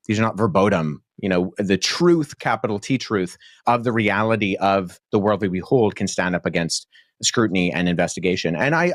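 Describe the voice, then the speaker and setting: A young man with a lowish voice answers in a podcast debate as a guest historian, explaining his reasoning earnestly and articulately at a measured pace with frequent ums and uhs. Born in Pakistan, he spent his childhood in Jordan. The recording is dry and close, with no room echo.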